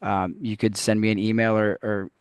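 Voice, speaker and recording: Man staffing an online meeting, reading notices, low and dry. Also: level tone, moderate pace, clean tone, no room sound. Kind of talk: procedural announcement.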